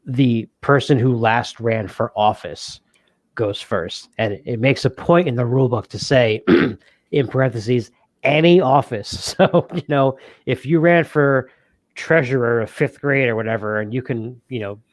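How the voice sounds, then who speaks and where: A man's voice: mid-range voice, measured pace, no echo. A man chatting loosely on a board game podcast, piling up fillers and laughing as he talks. His voice sits in the middle range and sounds dry and close, with no room around it. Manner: rambling, laughs often, many fillers. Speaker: podcast co-host. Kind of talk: casual chat.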